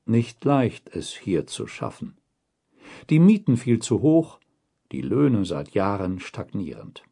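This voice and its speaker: A man narrating a documentary report in a slow, unhurried voice with a mellow, slightly husky tone. His pitch moves a lot, rising and falling across each phrase, and the delivery stays measured and deliberate. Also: very animated. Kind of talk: scripted documentary voice-over.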